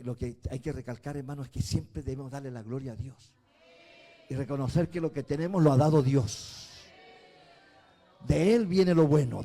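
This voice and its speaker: A man preaches a sermon as a bishop, his voice sitting high for a man. He slows down to spell out words, then climbs into loud, shouted emphasis. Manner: swings from quiet to shouting emphasis.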